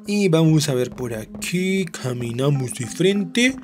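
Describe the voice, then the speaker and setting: A gaming host talks his viewers through a horror game, swinging from calm narration to high, panicked shrieks. His voice sits a bit high for a man and leaps much higher when he is scared. Faint game music plays behind him. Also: slow. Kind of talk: excited horror game commentary.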